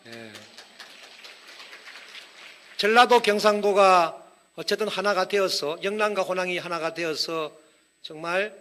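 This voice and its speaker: Man preaching in a church, high bright voice, jokey, punchy. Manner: energetic, humorous, with wordplay and audience prompts. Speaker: pastor. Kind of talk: sermon. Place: church hall.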